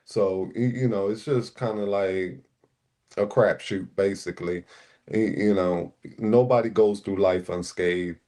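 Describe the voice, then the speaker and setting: Somewhat low and mellow, this man's voice keeps a fairly even intonation at a slightly slow pace. He's a Puerto Rico-born, Newark-raised panel regular chatting casually on a livestream, relaxed and leaning on "you know" often.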